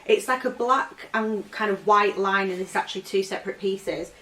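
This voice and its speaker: Talking at normal speed in a sharp-toned, mid-range voice, a woman shows off a vintage clothing haul at home in a casual fashion vlog. She rambles and fills her speech with "like." Her voice comes from off-mic amid roomy echo.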